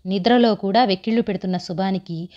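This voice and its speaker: A woman's voice: mid-range voice, quick pace. Woman narrating a story, muffled lo-fi. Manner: steady, expressive reading with rhetorical questions. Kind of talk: scripted audio story narration. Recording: muffled lo-fi recording.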